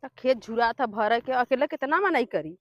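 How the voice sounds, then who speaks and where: A woman playing an exasperated village wife who loudly nags and complains, in a comedy sketch, with an eastern Uttar Pradesh Awadhi accent. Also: fairly high pitch, animated, moderate pace, dry recording, natural voice. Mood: weary complaint. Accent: eastern Uttar Pradesh, Awadhi-Bhojpuri. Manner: loud, nagging, complaining. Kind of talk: rural comedy sketch acting. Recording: dull lo-fi video sound.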